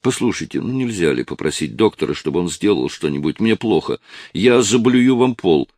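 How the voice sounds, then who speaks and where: A man's voice: sits low, big pitch swings, normal speed, darkish tone, no echo, clean studio sound. A man voicing a young male drug addict under arrest, anxious and whiny in manner. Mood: pleading.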